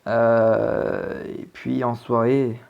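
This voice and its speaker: A man's voice: medium pitch, flat delivery, very slow, gravelly, clear, resonant tone, lo-fi sound. A man talking through a weather forecast in a casual, hesitant way, with many fillers and restarts. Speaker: amateur weather presenter. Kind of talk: casual forecast commentary over weather maps.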